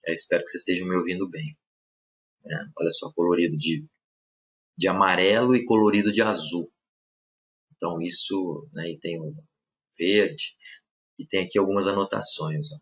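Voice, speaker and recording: A man, casually walking viewers through software in a live webinar, speaking softly and often checking in with his audience. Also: low voice, normal speed, pauses often. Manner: casual, talks through clicks, many tag questions. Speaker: software trainer. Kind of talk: live webinar screen-share demo.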